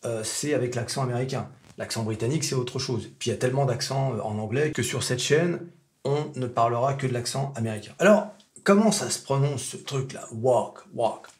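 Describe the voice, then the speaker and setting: A man speaking French, teaching English pronunciation in a casual video lesson, chatty and self-mocking, stretching out example words slowly. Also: mid-range voice.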